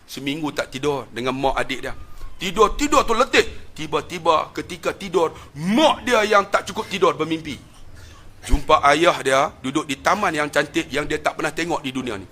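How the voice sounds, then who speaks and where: Animated Malaysian preacher telling a story. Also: male voice, normal speed. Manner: animated, with big swings of pitch and volume. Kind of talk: sermon storytelling.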